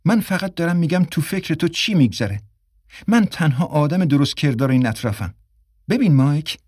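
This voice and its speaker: A man reading an audiobook, voicing a sharp-tongued, scornful young woman who mocks and provokes. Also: on the high side, animated, slightly rough, dry recording, studio quality. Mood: lecturing. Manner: mocking, provocative.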